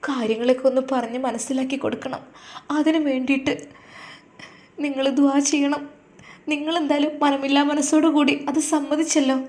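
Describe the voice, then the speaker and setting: A woman voicing a devoted young wife who pleads softly and earnestly with her husband. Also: high voice, fairly even intonation, fairly quick, pitched above the performer's own voice, lightly acted. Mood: resolved, tearful.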